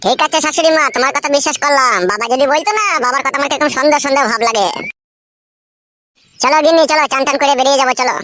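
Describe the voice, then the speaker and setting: A woman voicing a suspicious young man in a cartoon comedy, talking in a rapid, fussy, pleading way. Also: sits high, fairly bright tone, a little hiss or hum.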